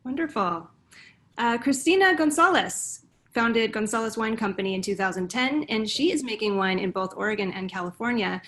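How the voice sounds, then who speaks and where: A woman's voice: on the high side, moderate pace, fairly bright tone. A woman moderating a virtual panel, introducing each guest in an upbeat way.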